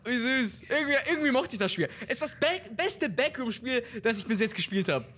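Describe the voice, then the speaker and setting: This horror-game let's play features a young adult gamer with a mid-range voice, speaking briskly, cursing and yelping excitedly at the jump scares for an audience. Slight background noise can be heard.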